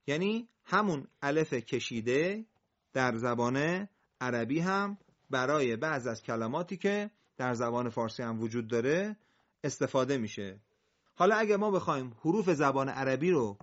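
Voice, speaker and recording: A man's voice: fairly high pitch, dull audio. A man teaching a Quran recitation class, drawing out vowels as he models words for his students. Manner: drawn-out, sung vowels when modeling words. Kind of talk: classroom lesson.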